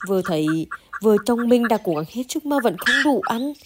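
A woman's voice: a little high, lively intonation, moderate pace, close to an everyday voice. A woman playing a struggling village wife who speaks earnestly and pleads with her husband. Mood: pleading. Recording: noisy outdoor skit recording.

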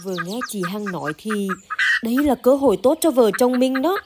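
A woman's voice: on the high side, animated, brisk, lightly acted. A woman playing a struggling village wife who speaks earnestly and pleads with her husband. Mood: pleading. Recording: noisy outdoor skit recording.

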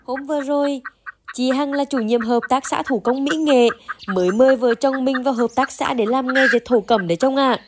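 A woman's voice: high-pitched, moderate pace, lightly acted. A woman playing a struggling village wife who speaks earnestly and pleads with her husband. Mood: pleading. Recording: noisy outdoor skit recording.

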